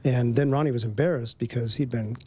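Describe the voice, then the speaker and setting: A man telling a personal story in an interview, relaxed, with frequent ums and little chuckles between phrases. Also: mid-range voice, fairly quick, slightly rough. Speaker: guest.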